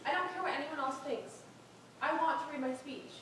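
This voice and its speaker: A young woman playing a troubled teenage schoolgirl, speaking in an earnest, halting way in a community stage play. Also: sits high, noisy background, natural voice. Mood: remorseful. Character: troubled teenage girl student giving a speech. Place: theater stage. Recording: echoey hall from far off.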